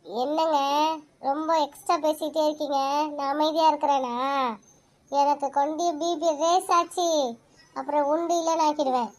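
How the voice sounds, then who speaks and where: A woman voicing a nagging wife and mother of two daughters in a cartoon family drama, complaining loudly to her husband. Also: high-pitched, steady tone, moderate pace, long pauses, lightly acted. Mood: scolding. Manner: nagging, complaining, turns tearful.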